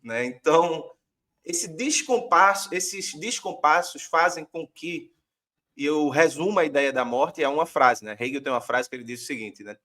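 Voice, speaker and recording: A man's voice: fairly high pitch, normal speed, bright, forceful tone. A man from Brazil arguing a political point as a guest author, reflective and using many fillers. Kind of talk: political discussion.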